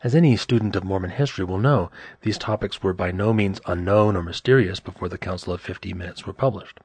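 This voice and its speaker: A man reading a scripted review aloud in a formal, scholarly, measured manner. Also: deep voice, a little mellow, slightly rough, no echo.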